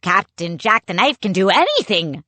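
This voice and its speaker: A woman's voice: mid-range voice, big pitch swings, moderate pace, sharp tone, no room sound. A woman voicing the other head of a two-headed male sailor, drawling and argumentative.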